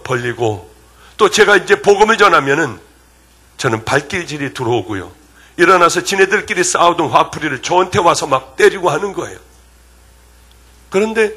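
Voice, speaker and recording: Husky-voiced pastor preaching with feeling. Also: male voice, sits high. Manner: emotional storytelling, swinging from loud to hushed. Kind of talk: sermon. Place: revival meeting hall.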